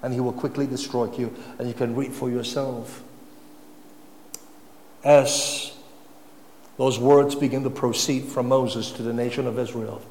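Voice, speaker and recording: A man preaching a sermon, emphatic, swinging between loud and soft phrases. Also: mid-range voice, level tone, unhurried, pauses often, slight background noise. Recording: echoey hall, faint ambience.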